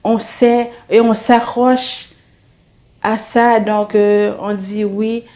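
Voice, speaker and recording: A middle-aged woman speaks slowly and evenly, her voice mellow and dark with little rise or fall. She shares an earnest faith testimony, hesitating and repeating words as she gathers her thoughts. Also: medium pitch, little pitch movement. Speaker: interview guest giving a testimony.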